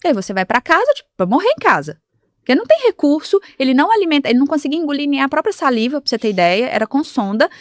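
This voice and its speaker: A woman's voice: sits high, dry recording, studio quality. A woman guest on a podcast, speaking as an insurance advisor in casual conversation and telling stories that act out quoted dialogue. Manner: storytelling, acting out quoted dialogue. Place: podcast studio.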